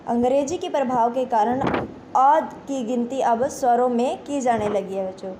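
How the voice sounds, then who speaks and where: A high-pitched woman teaches a grammar lesson to exam students. She talks to them as children, asks questions and answers them herself. Her tone is mellow, with faint noise in the background. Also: normal speed. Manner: addresses pupils as children, repeats "ठीक है".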